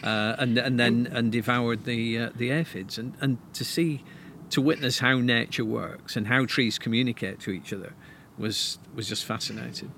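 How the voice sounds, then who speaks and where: A man's voice: medium pitch, fairly even intonation, normal speed, fairly bright tone, a little hiss or hum. A man, a tree expert, telling stories eagerly with frequent restarts. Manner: enthusiastic, stammering restarts. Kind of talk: casual conversation.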